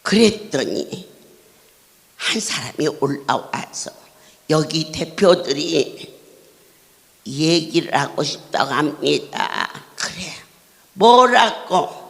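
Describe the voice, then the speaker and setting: A man preaching a revival sermon as a pastor, telling stories in an animated way and breaking into laughing shouts. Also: a little high, slow, vocal fry, long pauses. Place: large church hall. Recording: long reverb of a large church hall.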